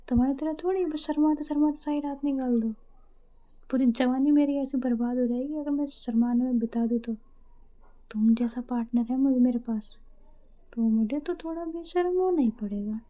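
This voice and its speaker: A woman's voice: sits high, muffled recording, lightly acted. A woman voicing a playful, teasing young policewoman who banters with her partner in a spoken story.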